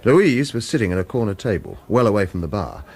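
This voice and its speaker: Playing a wary, evasive hitman who guards his lover, this actor narrates a noir radio drama in first person and reassures hesitantly. The fairly low voice is sing-song, fast, a little mellow and husky, heavily acted, with a brooding, watchful feel.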